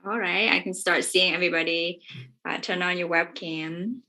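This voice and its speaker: A woman doctor wraps up an online workshop on a video call. Her voice sits low but sounds bright, and her speech is full of ums and uhs. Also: fairly even intonation, moderate pace. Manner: hesitant, many fillers.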